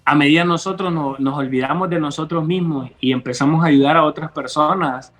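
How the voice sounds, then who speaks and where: Earnest young man, high voice. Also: a little fast, a bit bright, faint music behind. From Honduras. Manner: earnest, repeats words as he restarts. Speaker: youth leader, guest. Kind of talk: testimony and advice in an interview.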